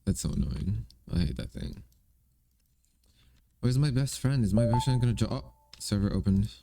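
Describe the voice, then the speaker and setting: Young man, streamer, rambling playful chat, low-pitched, mellow. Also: animated, normal speed. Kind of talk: casual live-stream chat while gaming and drawing.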